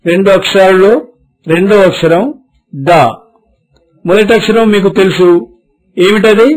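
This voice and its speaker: A man teaching a beginners' reading lesson, spelling words syllable by syllable and stretching them out slowly. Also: high-pitched, fairly even intonation, poor audio.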